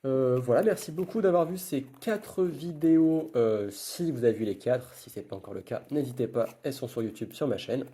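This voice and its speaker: A man's voice: mid-range voice, moderate pace, few pauses, dark tone, breathy edge. A man giving casual running commentary while opening trading card packs, murmuring card names one after another.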